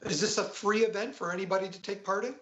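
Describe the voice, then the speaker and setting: A man's voice: sits high, steady tone, fast, bright, forceful tone. A man hosting a broadcast interview, introducing and questioning a guest, on slightly lo-fi audio. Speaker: programme host, interviewer.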